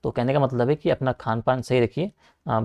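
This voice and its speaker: A young man teaches a casual online exam-prep class in loose, conversational speech, repeating himself, checking in with frequent "theek hai," and directly urging students to keep writing. His middle-pitched voice is gravelly yet a little mellow, steady in tone, and brisk.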